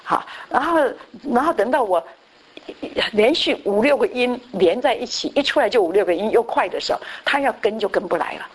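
A woman pastor leads a conversational Bible class in a slightly high, animated, husky voice, captured in a low-quality recording. She repeats her phrases and often fills pauses with a short affirming word.

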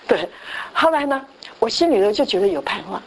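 A woman's voice: medium pitch, big pitch swings, moderate pace, breathy edge. A woman preacher delivering a conversational sermon that tells a story, with frequent restarts and tag questions.

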